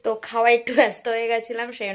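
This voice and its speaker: A woman chatting casually to her viewers in a home vlog, her voice a little hoarse. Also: fairly high pitch, little pitch movement, very fast. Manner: chatty, addresses viewers directly. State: voice getting hoarse. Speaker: vlogger.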